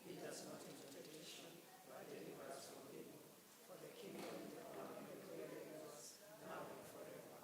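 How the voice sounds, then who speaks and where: A man's voice: on the high side, little pitch movement, slight background noise. Man leading prayers in cathedral echo. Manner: measured, reciting prayers aloud with a congregation. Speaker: service leader. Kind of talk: leading church liturgy. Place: large church. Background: congregation reciting along.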